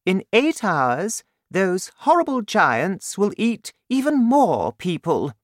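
A man's voice: high voice, huge pitch swings, takes it slowly, no room sound, clean studio sound, voice pushed up, heavily acted. A man voicing a firm, commanding queen in a storybook reading. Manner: commanding, decisive. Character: stately, firm human queen, woman.

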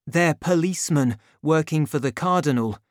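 A woman's voice: low voice, moderate pace, no echo, close to an everyday voice. A woman reading the lines of a brave young male guardsman in an urgent, earnest way, close to her own voice.

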